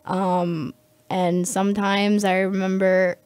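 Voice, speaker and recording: A woman's voice: mid-range voice, little pitch movement, takes it slowly, darkish tone, clean tone, no room sound. A young adult woman, a music student, answering interview questions in a chatty, rambling way full of fillers. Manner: chatty, rambling, heavy with "like" and "you know".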